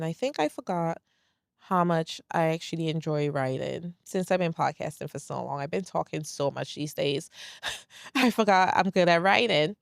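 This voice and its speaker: Speaking in a lowish, smooth, clear voice, this thirty-something solo podcaster delivers a casual monologue, her Brooklyn accent carrying a faint Saint Lucian trace from her roots before moving to Brooklyn, New York. The sound is dry and close, without echo. Laid back and candid, she leans on "like" and "very much so" and curses freely.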